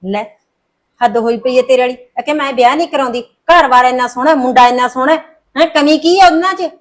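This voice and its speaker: A woman's voice: on the high side, brisk, darkish tone, lightly acted. A middle-aged woman with a Punjabi accent playing a mother who scolds and coaxes her daughter in a short film drama. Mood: scolding. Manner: scolding then coaxing. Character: worried mother torn between son and daughter.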